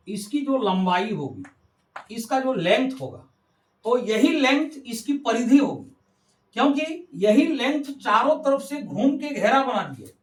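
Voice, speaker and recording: A male math teacher explaining a geometry lesson to children, repeating points and calling on the kids again and again, with a Hindi accent. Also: extremely high pitch. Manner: repetitive, addresses the kids constantly. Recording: roomy, from a distance.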